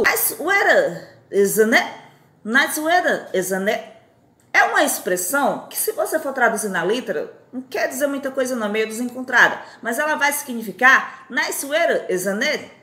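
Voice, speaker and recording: A woman in her forties from Fortaleza, teaching basic English phrases. Her voice sounds tired and strained, and she repeats each phrase slowly. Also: medium pitch, fairly bright tone, reverberant. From Fortaleza, Brazil. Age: 40s. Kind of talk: recorded lesson.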